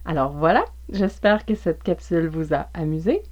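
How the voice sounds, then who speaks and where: A woman with a Québécois accent teaching French expressions, repeating each example phrase slowly and clearly. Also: deep voice, darkish tone, lo-fi sound. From Quebec. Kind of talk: slow instructional lesson.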